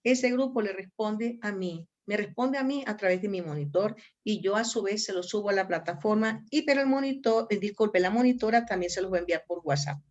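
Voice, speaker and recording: A law professor with a Colombian accent talks her students through their coursework in an online class, speaking straight to them and circling back over her points. Her voice sits at a middling pitch for a woman. The audio is dull and lo-fi. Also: a little fast, few pauses. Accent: Colombian Spanish. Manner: animated, addresses students directly, repeats herself. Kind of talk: online university lecture.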